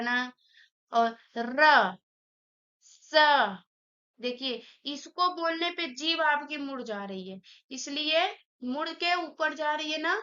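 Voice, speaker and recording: High bright woman drilling sounds slowly. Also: lo-fi sound. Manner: drills sounds aloud one by one, explains step by step. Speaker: teacher. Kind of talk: online grammar lesson.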